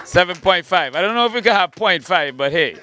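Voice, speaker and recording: High-voiced male game show host. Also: expressive, fairly quick, sharp tone.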